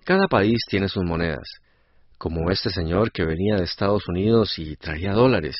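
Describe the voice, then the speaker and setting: A man's voice: sits low, expressive, normal speed, dull audio, faint music behind. A man playing a friendly wishing-fountain barker in an educational radio skit. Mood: explaining.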